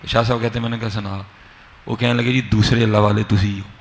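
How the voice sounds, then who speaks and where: A man from Pakistan, an Islamic scholar giving a sermon and acting out the dialogue of his story with a lively, swinging delivery. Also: fairly low pitch, slight background noise. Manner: animated storyteller, acts out dialogue, swings between soft and loud.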